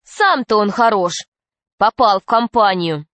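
A woman reading a children's story aloud, narrating calmly and clearly. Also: medium pitch, a little slow, no echo. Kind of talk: storybook reading with character voices.

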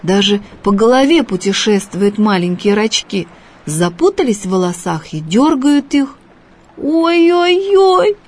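A woman reading a children's story aloud in a measured, expressive way. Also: mid-range voice, breathy edge.

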